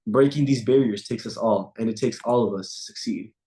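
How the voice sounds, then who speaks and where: A young student poet, Punjabi being his first language, delivers a spoken-word poem at a measured, rhythmic pace on a video call and then chats casually. His voice sits in the mid range with a dark tone.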